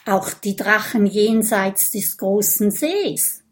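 A woman's voice: mid-range voice, takes it slowly, close to an everyday voice. A woman voicing a curious, clever little boy dragon in an audiobook. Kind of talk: audiobook character voice.

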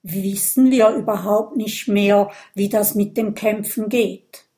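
A woman's voice: mid-range voice, steady tone, slow, warm tone, natural voice. Brief: woman playing happy-go-lucky Viking man, audiobook. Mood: cheerful. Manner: jolly, cheerful. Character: cheerful boastful male Viking warrior.

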